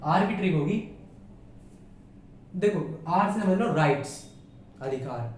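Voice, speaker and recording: Guy teaching memory tricks, kinda high mellow voice, keeps asking if you get it, really roomy echo, mic far off. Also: lively intonation, slow, a little hiss or hum. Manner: chatty, checks understanding often, calls listeners "yaar". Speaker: reasoning teacher. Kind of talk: casual exam-prep lesson. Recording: very echoey room, voice far from mic.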